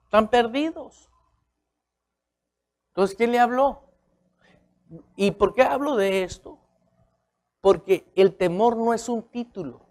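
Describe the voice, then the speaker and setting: A man's voice: very high voice, slow pace, long pauses, a little mellow. A male pastor, preaching a conversational sermon. He keeps checking in with his listeners and repeats key phrases for emphasis.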